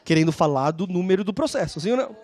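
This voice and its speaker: Animated São woman lecturing law. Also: fairly low pitch, quick pace. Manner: constantly checks in with the class; animated, acts out scenes. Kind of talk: lively storytelling lecture.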